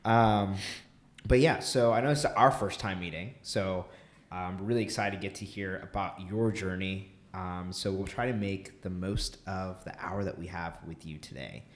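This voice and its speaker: A man's voice: sits low, moderate pace. A man in his early thirties co-hosting a podcast, welcoming the guest in a laid-back, friendly way. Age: 30s. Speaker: podcast co-host. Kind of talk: casual interview talk.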